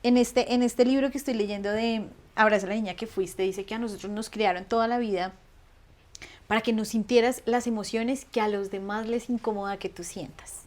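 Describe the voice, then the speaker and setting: A woman, chatting as an interview guest in an animated way, laughing often. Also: fairly high pitch, normal speed. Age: 30s. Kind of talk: casual conversational interview.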